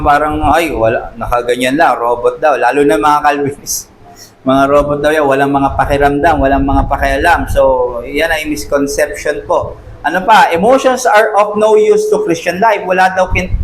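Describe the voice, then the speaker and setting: Male Sunday school teacher, high voice, talks conversationally, tosses in quick rhetorical questions, faint background noise. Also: fairly even intonation, rough recording. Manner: acts out quoted voices. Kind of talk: church class lecture.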